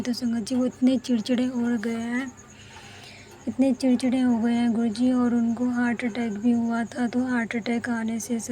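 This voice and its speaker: A woman's voice: on the high side, mellow, slight background noise, low-quality recording. A young woman, a devotee, earnestly telling the congregation a personal story of family trouble. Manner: earnest, emotional storytelling, often addressing the congregation. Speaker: devotee sharing a testimony. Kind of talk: personal testimony.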